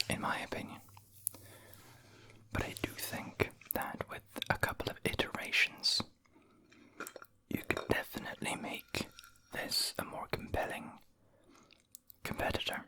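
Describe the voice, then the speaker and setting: A person whispering an ASMR food review in a breathy, unvoiced voice, savoring and unhurried, close to the microphone. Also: sharp tone, rough recording. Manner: savoring, unhurried, with eating and mouth sounds. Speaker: ASMR video creator and host.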